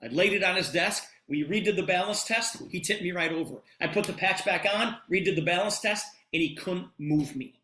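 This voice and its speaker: Animated middle-aged man telling a story. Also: sits high, fairly quick, few pauses. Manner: animated, acts out dialogue. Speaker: presenter promoting a product. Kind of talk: storytelling sales presentation. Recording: roomy echo.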